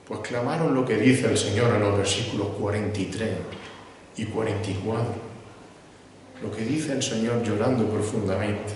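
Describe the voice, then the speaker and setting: A man's voice: medium pitch, slight background noise. A man with a Spain Spanish accent preaching a sermon in a church, posing rhetorical questions and answering them himself. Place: church sanctuary. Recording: echoey hall, mic far off.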